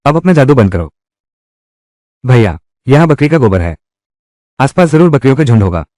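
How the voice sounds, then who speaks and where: A man's voice: medium pitch, very animated, normal speed, darkish tone, no room sound, clean studio sound. A man dubbing a family drama, voicing every role himself in a dramatic manner. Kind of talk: Hindi-dubbed drama, one voice for all roles.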